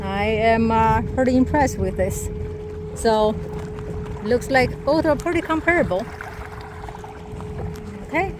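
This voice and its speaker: Music plays behind a woman with a fairly high voice who tests a product hands-on aboard a small motorboat. She speaks slowly, pausing often in short, broken comments, and the outdoor recording is noisy with boat and water sounds.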